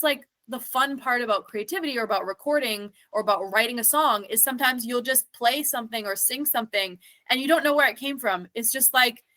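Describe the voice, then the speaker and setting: Speaking in a voice on the high side that sounds pushed and bright, a woman guest in a casual interview, herself a singer and actor, works through her thoughts aloud. Her speech rambles thoughtfully and leans heavily on "like."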